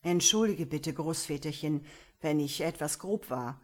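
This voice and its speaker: A woman's voice: deep voice, measured pace. A woman voicing a firm, commanding young male soldier scout. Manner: firm, commanding, later gentler.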